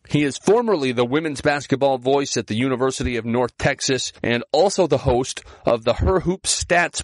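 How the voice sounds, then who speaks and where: A male sports podcast host speaks from inside a walk-in closet into a small handheld recorder. The clothes soak up the sound, so his mid-pitched voice comes across dry and close. He talks candidly and conversationally. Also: dry recording. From Minnesota. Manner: plain, candid, conversational updates. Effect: dry closet sound, muffled by clothes. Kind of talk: podcast intro monologue. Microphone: small digital recorder.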